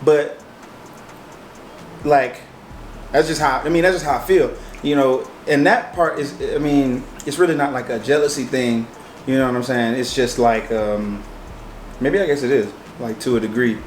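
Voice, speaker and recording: A man's voice: medium pitch, steady tone, moderate pace. A man with an American accent chatting casually, thinking aloud and often checking that he is understood. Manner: hesitant, thinking aloud, hedging with frequent checks. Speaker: co-host of a mukbang chat show. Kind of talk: casual relationship chat. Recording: roomy echo, faint background noise.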